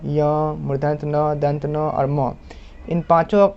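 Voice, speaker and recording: A man teaching a lesson patiently, repeating points and drawing out example sounds slowly. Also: a little high, level tone, a little mellow. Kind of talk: explanatory lesson. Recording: muffled lo-fi recording.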